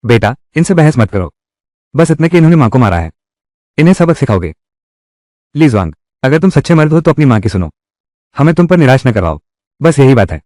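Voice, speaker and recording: A man's voice: medium pitch, big pitch swings, a little fast, pauses often, darkish tone, dry recording, studio quality. A man dubbing all the roles of a drama, with heated, quarrelsome delivery.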